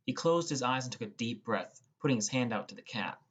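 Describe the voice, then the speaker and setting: A young man reads an audiobook from a script, narrating in the first person at an ordinary middle pitch. His delivery is brisk with lively intonation, and his tone is fairly bright and slightly rough.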